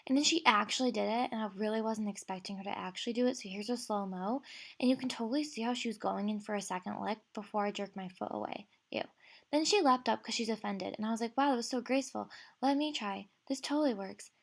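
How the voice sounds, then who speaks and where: A woman's voice: mid-range voice, quick pace, vocal fry. A woman in her twenties narrating her home vlog as a comedic voice-over, in a playful, mock-serious way. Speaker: vlogger.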